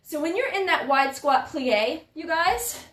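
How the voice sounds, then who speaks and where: A woman's voice: sits high, big pitch swings, a little slow, a bit bright, slight background noise. A woman fitness instructor leading a live-streamed workout, a little out of breath, upbeat and chatting with her viewers. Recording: echoey room, voice from a distance.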